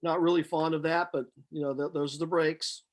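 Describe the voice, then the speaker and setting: A man giving a lecture, working through problems step by step in a halting, matter-of-fact, flat delivery as he thinks aloud. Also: a little high. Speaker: chemistry lecturer.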